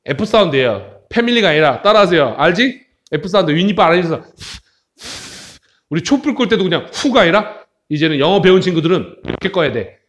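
A man who teaches English to kids. He sounds playful and fond of jokes, and his voice sits high and swings widely in pitch. He breaks up slow English phrases with quick explanations. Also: big pitch swings, fairly bright tone. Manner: playful, jokey, switches between Korean explanation and slow English. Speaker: English tutor. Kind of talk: animated English lesson for children.

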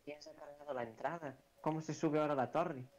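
A man's voice: on the high side, steady tone, quick pace, darkish tone, lo-fi sound. A man grumbling and swearing casually while playing a video game with friends. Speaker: gamer. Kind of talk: casual gaming chat.

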